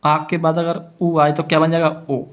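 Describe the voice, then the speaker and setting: A man's voice: a little high, completely flat delivery, moderate pace, highs cut off. A man teaching a grammar lesson, patiently repeating each word and answering his own questions.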